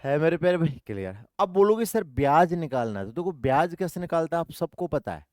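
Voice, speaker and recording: A man's voice: fairly high pitch, very animated, fairly quick, darkish tone, no echo, studio quality. A male maths teacher running an online coaching class, repeating each step and answering his own questions, calling students "dear brother".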